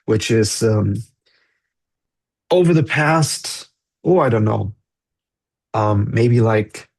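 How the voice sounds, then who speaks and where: A man's voice: fairly low pitch, animated, takes it slowly, gravelly, a little mellow. A man hosting a podcast, speaking in a thoughtful, earnest way and searching for his words as he reflects. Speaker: podcast host.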